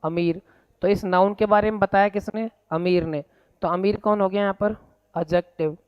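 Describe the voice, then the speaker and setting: Indian-accented male teacher, classroom lecture, smooth voice, slightly dull lo-fi sound, quizzing students. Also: high-pitched, fairly even intonation, normal speed. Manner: drills students with repeated questions; mixes Hindi and English. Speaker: English teacher.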